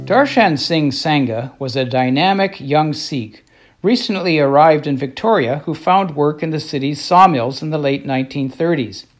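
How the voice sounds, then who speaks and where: A man's voice: on the high side, moderate pace, soft background music. A man reading scripted documentary narration as the narrator.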